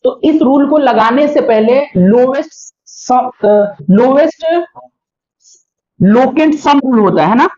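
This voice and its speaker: A male chemistry teacher gives a classroom lecture, explaining step by step and often checking in with his students. His very high voice has a darkish tone, and he takes it slowly. The recording is dull and lo-fi.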